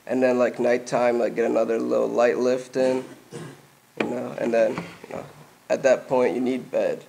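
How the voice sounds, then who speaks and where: A young man from Egypt, a native Arabic speaker, talking casually as a guest in an indoor gym studio, with many fillers and pauses. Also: mid-range voice, creaky, background noise. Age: young adult. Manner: relaxed, hesitant, many fillers. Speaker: guest, soccer player. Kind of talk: casual interview.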